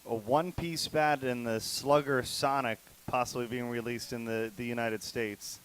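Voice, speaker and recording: A man's voice: mid-range voice, steady tone, normal speed, fairly bright tone, clean tone, low-quality recording. Male host relaying viewer questions. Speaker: play-by-play host. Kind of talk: casual sports broadcast hosting.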